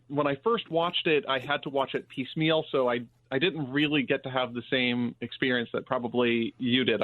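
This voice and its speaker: A man co-hosting a casual podcast chat, an animated storyteller who acts out quotes. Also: mid-range voice, dry recording. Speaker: podcast co-host. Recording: tinny phone-like dry sound.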